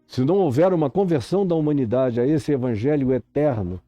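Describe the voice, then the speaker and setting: A Brazilian man preaching a sermon with an accent from Brazil, swinging from loud urgent pleas to low grave tones. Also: fairly quick, dry recording, muffled recording, faint music behind. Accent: Brazilian Portuguese.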